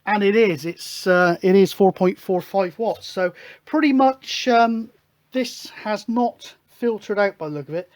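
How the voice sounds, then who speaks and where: A hobbyist radio show host with a mid-range, slightly mellow voice talks unhurriedly through an informal hands-on technical demonstration. He sounds casual and chatty, as if working things out aloud at the bench.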